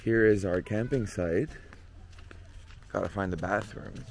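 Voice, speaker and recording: A man's voice: on the low side, measured pace, creaky. A young man hosting a casual travel vlog, talking into a handheld camera outdoors at a beach campsite in a laid-back, chatty way. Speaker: travel vlogger. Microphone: handheld camera at arm's length.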